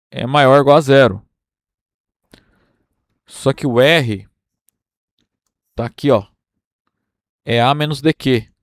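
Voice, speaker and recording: A Brazilian man lectures through a number theory proof at an unhurried pace, pausing often to check that his listeners follow. His voice sits at an ordinary middle pitch, recorded dry and close with little room sound. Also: no echo. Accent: Brazilian Portuguese. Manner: explains step by step, checking in with "tá?" and "né?". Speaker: university math lecturer.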